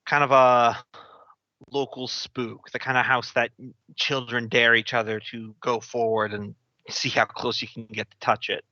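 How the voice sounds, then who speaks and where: A man narrates a tabletop game as its game master, with casual asides. His voice is bright and forceful at an ordinary male pitch. The sound is dry and slightly dull. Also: flat delivery, unhurried, no echo. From United States.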